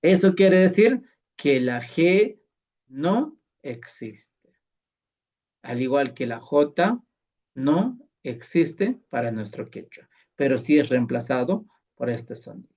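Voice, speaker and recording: A man teaching a language class, slowly and patiently repeating sounds and checking that his colleagues follow. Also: medium pitch, big pitch swings, darkish tone, far from the mic. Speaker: Quechua teacher. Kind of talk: classroom lesson. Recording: muffled sound from away from the mic.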